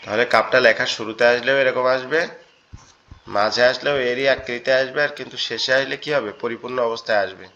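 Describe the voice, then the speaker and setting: A man's voice: mid-range voice, steady tone, sharp tone, a little hiss or hum. Male teacher, online lesson, patient and repetitive delivery, dull lo-fi audio. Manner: patient, repeats each point slowly. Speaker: Quran teacher. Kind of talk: online lesson on Arabic letters.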